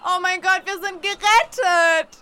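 A woman doing a whiny spoiled girl on a reality show, high and bouncy, faint noise behind. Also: steady tone, a little slow. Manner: whiny, mixes in English words. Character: spoiled young woman contestant, whiny, drops English words.

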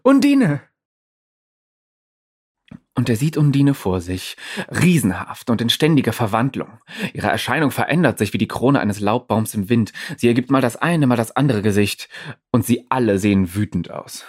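A man narrating an audiobook story in an expressive, dramatic way. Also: mid-range voice, moderate pace, slightly rough. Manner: lively, expressive.

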